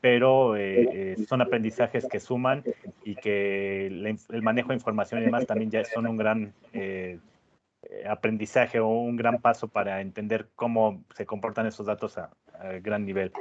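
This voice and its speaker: A man moderating a webinar in a polite, semi-formal way, hesitating often with filled pauses. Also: fairly low pitch, fairly even intonation. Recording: dull lo-fi online audio.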